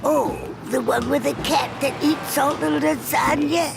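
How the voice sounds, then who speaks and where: A woman's voice: sits high, fairly even intonation, unhurried, creaky, music in the background, heavily acted. A woman voicing a gossipy neighbor who talks in a sing-song way. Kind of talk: cartoon voice acting.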